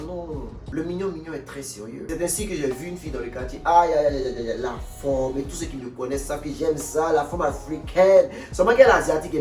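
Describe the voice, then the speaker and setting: A young man tells a comic story time in an animated, exclamatory way. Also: medium pitch. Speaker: vlogger. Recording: echoey room, distant mic, faint music.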